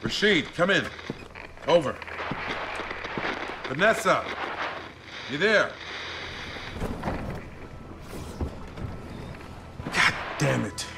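An actor playing an earnest, worried American boat captain in a dramatic video game about surviving an apocalypse, with an insistent way of talking. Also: male voice, fairly high pitch, sing-song, slow, gravelly, background noise, heavily acted. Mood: urgent.

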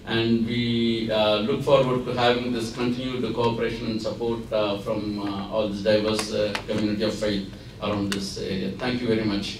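A man speaking as a guest at a community event, halting often with fillers. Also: lowish voice, flat delivery. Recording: echoey hall, from a distance, with hum.

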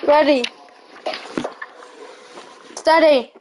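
A woman streaming a game, chattering excitedly and shouting eagerly at her teammates. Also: sits high, extremely slow, a little hiss or hum, rough recording.

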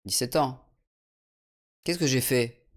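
Male let's-play streamer from France, loose casual commentary, mid pitch, light game music behind. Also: slow pace. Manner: chatty, swearing, reads chat aloud. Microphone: USB studio condenser mic.

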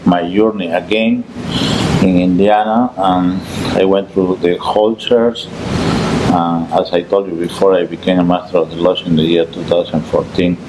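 A middle-aged man from Peru, answering interview questions earnestly, with hesitant pauses, in a lodge meeting room. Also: deep voice, fairly even intonation, heavy background noise. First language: Spanish. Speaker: interviewee, past lodge master.

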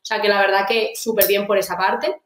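A woman's voice: mid-range voice, steady tone, brisk, fairly bright tone, slight background noise. A young woman from Argentina, a guest chatting on a video call in an upbeat way, full of fillers and restarts. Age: young adult. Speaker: interview guest. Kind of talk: casual video-call interview. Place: small room indoors. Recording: roomy echo.

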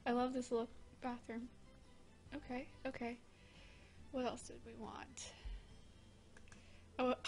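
A woman with the hiccups, chatting excitedly and giggling as she plays a game at her desk microphone. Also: fairly high pitch. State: has the hiccups. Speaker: gaming channel host. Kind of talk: casual let's-play commentary. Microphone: desk microphone, leaning in close.

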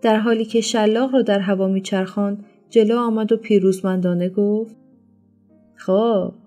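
A woman narrating an audiobook in a steady, even reading voice. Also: mid-range voice. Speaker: storyteller. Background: faint instrumental music.

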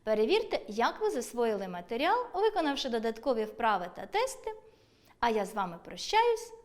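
A woman teacher giving an online school lesson, speaking clearly and deliberately, with a sing-song lilt on lists. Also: fairly high pitch, big pitch swings.

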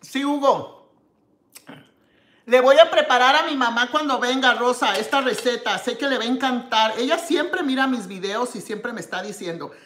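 A woman's voice: a little high, moderate pace, fairly bright tone, roomy sound. A woman from Mexico hosting a live cooking stream, tasting her dish with contented hums and greeting viewers by name. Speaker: cooking show host.

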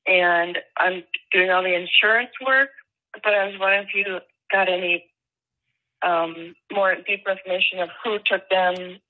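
A woman's voice: lowish voice, steady tone, moderate pace. A woman calling in to a radio show over the phone, asking questions in a worried tone. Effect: caller's voice over a phone line. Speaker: caller. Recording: tinny phone line.

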